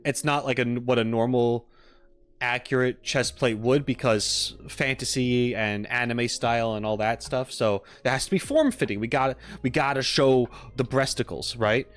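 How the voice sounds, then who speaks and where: A man with a clear, resonant, mid-range voice chats casually at normal speed as a livestreamer reacting and talking with viewers. He rambles informally with joking asides, faint music playing behind him.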